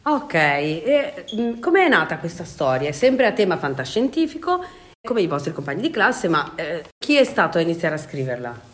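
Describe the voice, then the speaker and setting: A woman's voice: lowish voice, big pitch swings, moderate pace, a little hiss or hum. A woman hosting a children's radio show, leading a school workshop and praising the kids. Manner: encouraging, praising.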